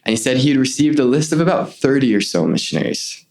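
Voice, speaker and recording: Speaking fast in a mid-range voice, this young adult guest on an interview podcast recalls his time as a missionary. His retelling is sincere and lively, full of quoted dialogue.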